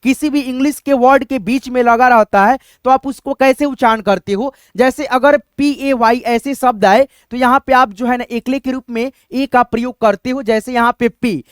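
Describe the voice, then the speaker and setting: A man's voice: very high-pitched, fairly even intonation, moderate pace, hardly any pauses, clear, resonant tone, no room sound. Dry-voiced male teacher explaining step by step. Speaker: English teacher. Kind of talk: Hindi-language English lesson.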